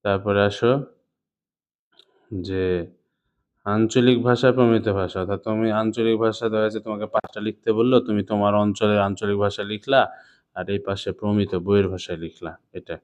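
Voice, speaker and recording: A man's voice: on the low side, fairly even intonation, fairly quick, a little mellow, smooth. A man with a Bangladeshi Bengali accent teaching a class of students through an exam suggestion lesson, explaining step by step and often checking if they follow. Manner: explains step by step, often asks "ঠিক আছে?". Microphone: writing while talking. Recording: slightly dull lo-fi sound.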